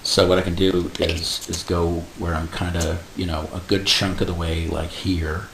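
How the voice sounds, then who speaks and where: A man explaining animation software step by step in a casual tutorial, adding little sound effects like "boom". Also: flat delivery, moderate pace. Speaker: animation instructor. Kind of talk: screen-recorded software tutorial. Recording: echoey room with faint hiss.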